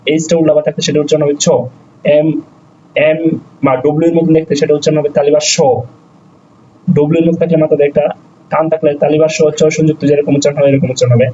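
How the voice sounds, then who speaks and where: A man teaching a beginner's language lesson step by step, slowly spelling out letters and repeating each sound several times. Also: a little high, flat delivery, warm tone, muffled recording, a little hiss or hum.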